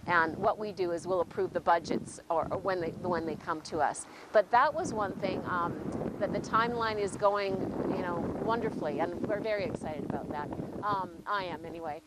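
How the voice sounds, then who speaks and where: A woman councillor talks through policy in a hesitant way, often repeating words. Loud noise and wind buffet the microphone behind her. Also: on the low side, moderate pace. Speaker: city councillor. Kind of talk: interview answer.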